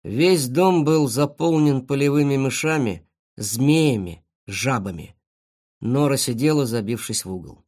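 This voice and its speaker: A reader narrating a children's animal story with an expressive reading. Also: medium pitch, measured pace. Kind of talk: audiobook storytelling.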